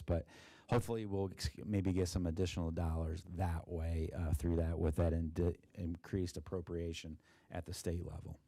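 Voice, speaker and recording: In a low, monotone voice with an Ohio accent, a school district treasurer presents a budget at a board meeting, using many fillers and restarts. The recording from the meeting room is dry.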